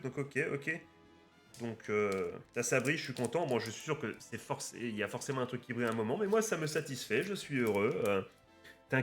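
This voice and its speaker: An excitable man talking straight to his viewers as he rips open card packs, mid-pitched and prone to cheerful swearing. His chat is loose and rambling. Soft music plays faintly underneath. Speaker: card-opening YouTuber. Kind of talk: casual unboxing commentary. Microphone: webcam setup at a desk.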